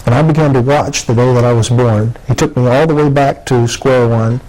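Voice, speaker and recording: A man's voice: mid-range voice, steady tone, brisk, a little mellow, poor audio. A man in his fifties from Texas, earnestly telling a personal testimony with vivid detail. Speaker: storyteller giving a testimony.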